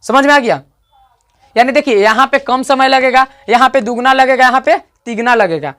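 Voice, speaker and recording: A man's voice: very high voice, moderate pace, fairly bright tone. A male teacher giving an online grammar lesson, repeating points and often checking that students follow. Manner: repetitive, checks understanding often; stretches out sounds to demonstrate vowel length.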